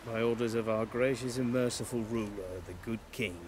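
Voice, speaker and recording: A man's voice: medium pitch, little pitch movement, brisk, noisy background, natural voice. An actor playing a world-weary middle-aged male soldier in a video game, speaking plainly. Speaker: guard.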